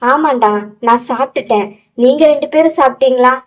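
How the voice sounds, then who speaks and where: Woman doing caring older mother, gentle concerned questions, fairly high voice, distant mic. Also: fairly quick.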